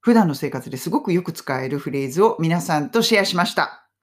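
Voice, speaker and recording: A woman hosting a casual English lesson in Japanese, modeling English phrases slowly and clearly for listeners to repeat. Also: sits low, expressive. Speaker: English teacher podcast host.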